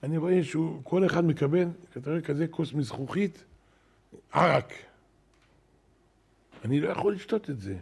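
Gravelly husky older rabbi telling stories. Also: male voice, a little high, pauses often. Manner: animated storyteller, acting out quoted shouts. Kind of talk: storytelling sermon. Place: synagogue.

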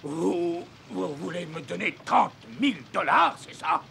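An actor playing an excitable, blustering older ship's captain in a French film dub, spluttering and exclamatory. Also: male voice, low voice, moderate pace, a little hiss or hum, heavily acted. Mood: incredulous.

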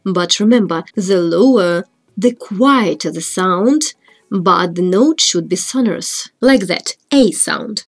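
A woman vocal coach calmly guiding students step by step through vocal exercises. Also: medium pitch, slow. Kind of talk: vocal lesson instruction.

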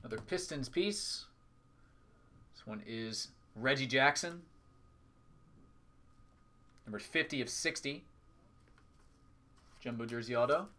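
A man's voice: mid-range voice, takes it slowly, pauses often, sharp tone. A man hosting a live trading card break, calling out items in short, clipped announcing phrases. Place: indoors at a tabletop with a display backdrop.

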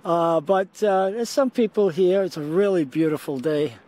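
An older man chatting casually to his handheld camera outdoors on a rocky beach, relaxed and talking to his dog now and then. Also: sits high, normal speed. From Scotland. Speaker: vlogger. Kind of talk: casual hiking vlog to camera. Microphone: camera held at arm's length.

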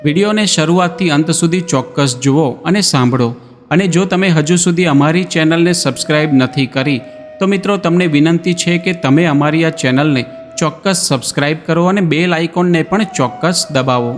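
Guy reading a moral story, measured, slightly high voice, big reverb + music. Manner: measured, addresses listeners as friends. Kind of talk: scripted moral-story narration. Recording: long reverb, background music.

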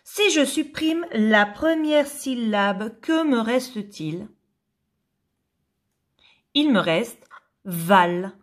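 A woman teacher giving a slow phonics lesson to young children, carefully sounding out and repeating each word. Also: on the high side, lively intonation.

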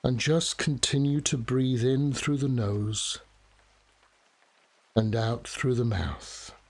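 A man narrating a guided relaxation meditation in a soft, soothing, measured manner with long pauses. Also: mid-range voice, vocal fry. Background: steady rain.

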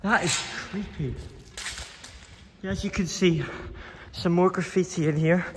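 A high-pitched young man speaks at a measured pace, with slight noise in the background. As an urban explorer vlogger, he nervously narrates his way outdoors and through an abandoned building, talking to himself into a handheld phone. He's jumpy, prone to muttering, and quick to get spooked.

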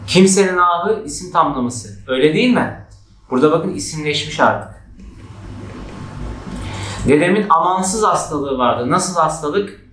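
A man teaching a grammar lesson for exam prep, lively and acting out example shouts. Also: unhurried, pauses often, a little hiss or hum. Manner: lively, acts out example shouts with raised pitch. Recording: echoey room.

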